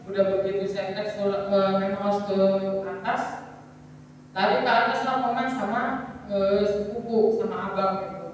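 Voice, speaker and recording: A young woman shares a personal testimony from a distance in a large, booming church hall with a long reverb tail. She rambles as she tells it and slips into the voices of the people she quotes. Faint room noise sits underneath. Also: fairly even intonation, moderate pace. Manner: rambling storytelling, acting out quoted dialogue. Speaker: testimony speaker at a youth service. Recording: echoey church hall from far off.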